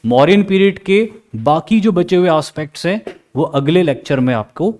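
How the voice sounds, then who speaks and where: Lively Indian man teaching history. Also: a little high, moderate pace. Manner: lively, asks questions and acts out students' replies. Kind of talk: recorded video lecture.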